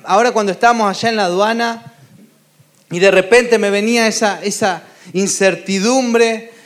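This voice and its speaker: A man preaching a sermon, his voice sitting notably high for a man. He speaks as a pastor, earnest and encouraging, and keeps checking in with his listeners as he goes. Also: steady tone, normal speed.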